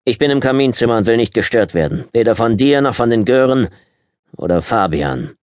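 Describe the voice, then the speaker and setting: A man's voice: mid-range voice, expressive, fairly quick, a little mellow, dry recording, clean studio sound, pitched above the performer's own voice, natural voice. A man reading an audiobook, voicing an irritable, smug husband and businessman who talks down to others. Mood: abweisend. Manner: herablassend, am Telefon aufgesetzt jovial. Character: gereizter, selbstgefälliger Ehemann und Geschäftsmann.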